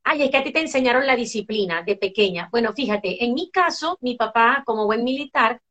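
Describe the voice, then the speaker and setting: Animated Venezuelan woman telling stories. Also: a little high, brisk, dull audio. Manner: animated storyteller, many fillers and restarts. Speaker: guest. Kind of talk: casual conversational interview.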